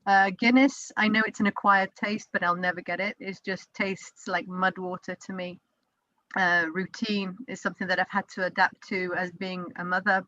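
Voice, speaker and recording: Presenting over video call to an online networking group, an Israeli company co-founder in her forties with a British accent keeps it chatty and informal, full of fillers and restarts. Her mid-range voice is bright and forceful. There is no room sound, though the audio is dull.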